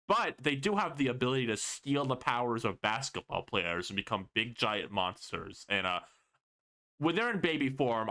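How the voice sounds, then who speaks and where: Man, podcast co-host, casual chat, blunt, dry, opinionated, lively up-and-down pitch.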